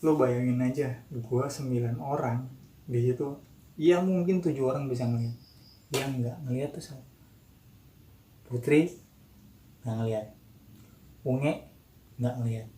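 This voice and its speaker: A young man with a Jakarta accent telling a horror story in casual chat, animated, acting out the quotes. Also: mid-range voice, measured pace, long pauses. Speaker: guest storyteller. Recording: roomy echo, faint noise.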